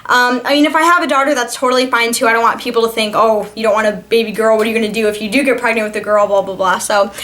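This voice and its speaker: A twenty-year-old woman with a fairly high, fairly bright voice chats casually in a Q&A vlog, reading her viewers' questions aloud and then answering them. She talks rapid-fire in a steady tone, barely pausing.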